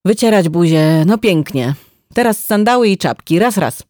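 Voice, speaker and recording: Woman doing a brisk busy young mother. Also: lowish voice, very animated, mellow, dry recording, clean studio sound. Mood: hurried. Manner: brisk, commanding. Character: busy young mother rushing her boys. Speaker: hairdresser.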